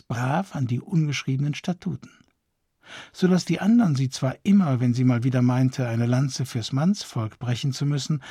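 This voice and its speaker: A man's voice: medium pitch, warm tone, breathy edge, no echo, clean studio sound. A man narrating an audiobook in a wry, ornate storytelling manner. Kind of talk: scripted narration of a satirical historical novel.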